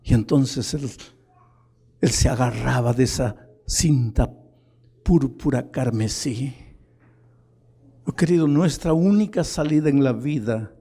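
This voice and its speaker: A man's voice: mid-range voice, takes it slowly, long pauses, warm tone, husky. An older man from Peru preaching a sermon as a pastor, telling a story dramatically with rhetorical questions and rising emphasis.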